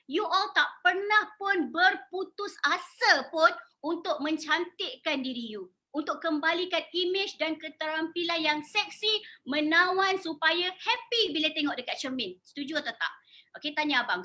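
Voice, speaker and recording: A woman's voice: very high voice, sharp tone. A woman in her forties with a Malaysian accent, a beauty salon owner giving a persuasive sales presentation and putting questions to her audience. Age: 40s. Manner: persuasive, asks the audience questions, mixes in English words.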